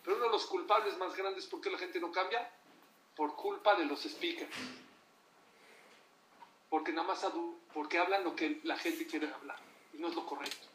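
High-voiced rabbi in a roomy hall. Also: male voice, moderate pace, long pauses, slight background noise. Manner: emphatic, swings between loud outbursts and low asides. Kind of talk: sermon. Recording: roomy, from a distance.

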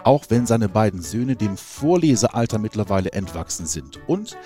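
A man's voice: on the low side, sing-song, normal speed, warm tone, faint music behind. A man hosting a club video, reading a scripted announcement evenly. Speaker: club media host.

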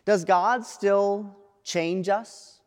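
A man preaching a sermon as pastor, dramatic, with pauses and repeated refrains. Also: high-pitched, steady tone, long reverb tail. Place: church sanctuary.

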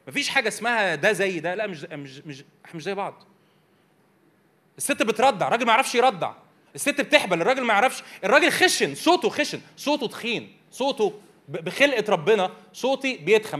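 Teaching a church youth meeting from slides, a man with an Egyptian Arabic accent engages the audience by asking them questions again and again. His voice sits high, with a bright, forceful tone.

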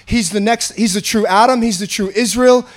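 With a hoarse, somewhat raspy male voice pitched high, this pastor delivers a sincere sermon in a conversational style. He speaks at a moderate pace and keeps circling back to repeat himself.

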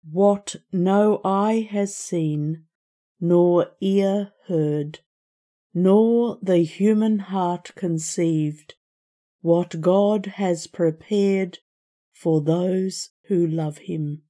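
A woman reading scripture as a lector in a solemn, deliberate liturgical style. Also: lowish voice, warm tone.

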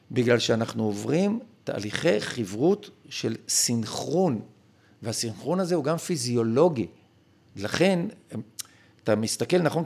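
A man's voice: mid-range voice, creaky, husky. A male podcast guest explaining his ideas in an emphatic, lecturing way. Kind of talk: conversational explanation.

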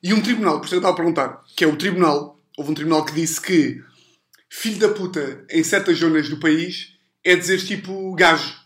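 A man's voice: a little high, a little fast, a bit bright. A man hosting a podcast in a home with casual, joking talk. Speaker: podcast host. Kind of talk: casual comedic chat. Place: indoors in a home. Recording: roomy, echoey home recording.

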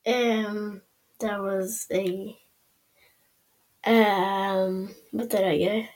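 A woman's voice: medium pitch, steady tone, very slow, darkish tone. A ten-year-old girl co-hosting a family podcast with her father, giving short, hesitant answers. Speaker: podcast co-host, daughter. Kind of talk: casual family podcast chat.

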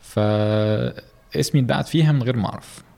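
A man's voice: medium pitch, fairly quick, creaky, mellow. A man with an Egyptian Arabic accent, a podcast guest chatting casually and telling stories in an interview.

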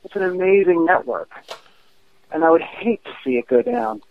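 A man's voice: sits high, big pitch swings, moderate pace, gravelly. Upbeat male caller on a phone line. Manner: casual and upbeat, says "man" a lot. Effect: phone-line call-in audio. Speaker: radio show caller. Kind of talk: casual call-in chat. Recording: tinny phone line, dry.

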